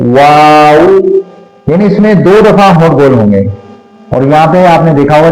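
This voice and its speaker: A man's voice: on the high side, darkish tone. A man teaching Quran letter pronunciation, patiently repeating each sound so learners can copy it. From Pakistan. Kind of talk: slow Quran recitation lesson. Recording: echoey room with faint music.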